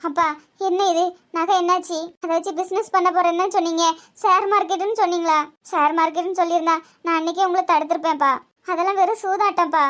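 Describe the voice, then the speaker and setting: A woman's voice: very high voice, steady tone, fast, fairly bright tone. A woman doing a pleading young Tirunelveli daughter. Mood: reproachful. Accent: Tirunelveli Tamil. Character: young bride-to-be daughter, earnest and hurt. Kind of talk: comedy cartoon voice acting.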